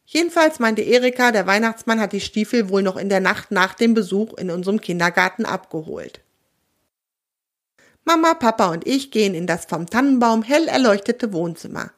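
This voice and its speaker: A woman reads a children's story aloud, telling it in the first person. Her delivery is lively and expressive, and her pitch sits in a middle range. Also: moderate pace. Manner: lively first-person narration with voiced dialogue.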